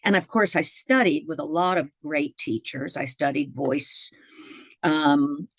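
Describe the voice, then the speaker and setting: A middle-aged jazz singer from Miami tells her story as a guest in a relaxed interview, chatty with fillers, restarts and frequent laughs. Her voice sits low and unhurried, with no echo.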